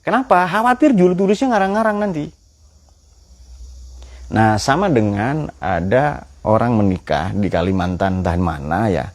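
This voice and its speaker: A man's voice: on the low side, sing-song, normal speed, long pauses. A man teaching a Quran study class. He puts questions to his students and tells light anecdotes.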